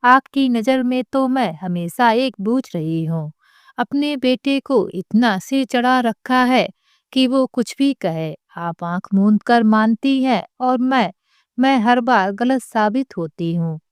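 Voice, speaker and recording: A woman's voice: a little high, lively intonation, slow pace, clean tone, dry recording, studio quality. A woman voicing a bitter young daughter-in-law who talks in an angry, scornful way. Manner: shouting, scornful.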